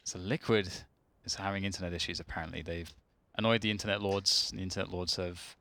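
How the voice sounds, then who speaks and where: A man's voice: low-pitched, steady tone, fast, sharp tone, dry recording. A man casting an esports match, teasing his co-hosts in playful casual banter. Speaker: esports caster.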